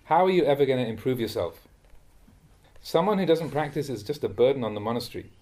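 A man, a monk, reading a Dhamma talk aloud in a measured, admonishing way that rises sharply when he scolds. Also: mid-range voice, animated, a little mellow. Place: monastery.

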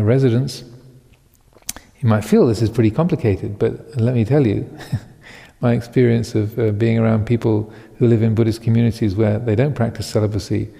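Monk in his 50s giving a dhamma talk, slow and pausing, little chuckles, very dark mellow tone, echoey hall. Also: on the low side, vocal fry. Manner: reflective, halting, with many pauses and soft chuckles. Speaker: Buddhist monk. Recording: long hall reverb.

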